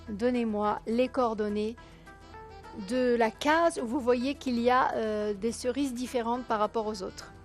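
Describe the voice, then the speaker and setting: Hoarse lady hosting a call-in tv quiz, pretty high voice, chatty and coaxing, counts down and fixes her own words, faint music behind. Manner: chatty, coaxing viewers, counting down, correcting herself aloud. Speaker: game show host.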